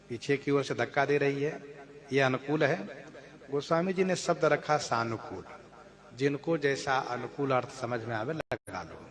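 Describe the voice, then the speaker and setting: A man preaching on a sacred verse epic, who chants the verses slowly and then explains them in plain with a tinge. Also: a little high, a bit bright. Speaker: Ramayana preacher. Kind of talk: sung verses with spoken explanation.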